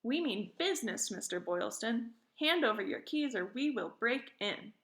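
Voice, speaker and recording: A woman's voice: fairly high pitch, animated, moderate pace, fairly bright tone. Woman reading as a determined colonial woman.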